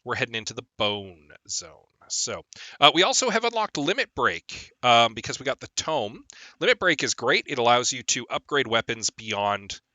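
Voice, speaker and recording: A young man streams a game and talks casually throughout, wandering from thought to thought with many ums. A lingering cold leaves him a little phlegmy, and his medium-pitched voice carries a sharp tone with no echo.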